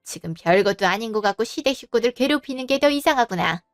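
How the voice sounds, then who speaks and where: Woman as a bullying mother-in-law, high, dry, scolding and scornful. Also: lively intonation, fast talker, no room sound, faint music behind, lightly acted. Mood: dismissive. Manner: scolding, contemptuous, talks down. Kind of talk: Korean audio drama acting.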